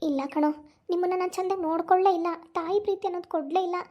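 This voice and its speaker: Woman as weepy protective cartoon mother, North Karnataka accent, high voice, very rapid speech. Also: fairly even intonation, highs cut off. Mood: tearful. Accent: North Karnataka Kannada. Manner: tearful, anxious, protective. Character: grieving mother reunited with her son. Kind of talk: cartoon voice acting.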